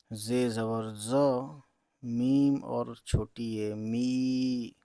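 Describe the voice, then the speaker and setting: Male reading teacher, gravelly and unhurried, dry close sound; sounds out each letter patiently. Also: mid-range voice, darkish tone, dry recording. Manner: spells out letters and vowel marks slowly, says "theek hai" often. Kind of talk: slow letter-by-letter reading lesson.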